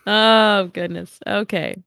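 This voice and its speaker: A woman's voice: mid-range voice, steady tone, takes it slowly, creaky, fairly bright tone, clear, resonant tone, dry recording, clean studio sound. A congested woman hosting a podcast, chatting casually, swearing and laughing often. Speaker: podcast host. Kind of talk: casual chat.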